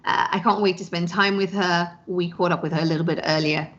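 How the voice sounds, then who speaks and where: A woman hosting a live online news and chat show, talking in a relaxed, conversational way with small fillers. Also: fairly low pitch, brisk, highs cut off. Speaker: show host.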